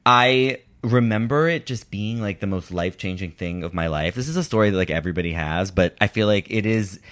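Male podcast guest, twenties, fairly low pitch, conversational, halting and filler-heavy phrasing. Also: fairly bright tone. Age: 20s. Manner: hesitant phrasing with frequent "like". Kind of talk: casual chat.

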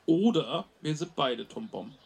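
A man's voice: a little high, lively intonation, a little slow, vocal fry, a little mellow, breathy edge. A man co-hosting a live podcast on a festival stage, joking and laughing often. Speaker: podcast co-host. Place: festival tent with live audience. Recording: live stage recording with crowd noise.

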